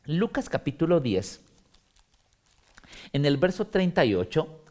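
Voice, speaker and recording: Lively pastor teaching scripture. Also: male voice, a little high, unhurried, a little hiss or hum. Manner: expressive, dramatizes scripture with emphatic repetition. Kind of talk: Bible study teaching. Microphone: streamed broadcast.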